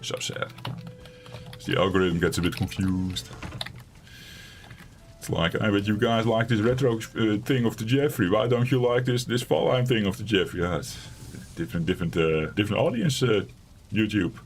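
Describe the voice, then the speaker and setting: Streaming from his home gaming setup, a man with a raspy, fairly low voice rambles through chatty let's-play commentary at a moderate pace, poking fun at himself. Faint keyboard clicks tick behind him amid slight background noise.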